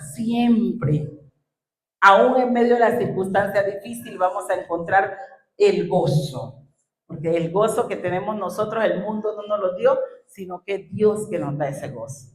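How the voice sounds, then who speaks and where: A woman's voice: lowish voice, echoey room. A woman preaching a sermon in a church, emotional and acting out her own past words. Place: church hall.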